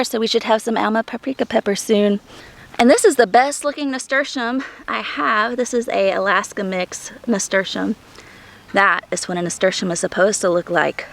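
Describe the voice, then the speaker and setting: A woman's voice: medium pitch, vocal fry. A woman in her thirties giving a chatty, enthusiastic tour of her backyard vegetable garden, breathing heavily in the summer heat. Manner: chatty, enthusiastic, thinking aloud. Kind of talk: casual garden tour vlog.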